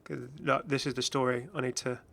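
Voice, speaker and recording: Talking off the cuff about his videos and channel, a man in the gaming YouTuber mold rambles chattily. His mid-range voice is creaky, a bit bright, fairly quick and barely moves in pitch.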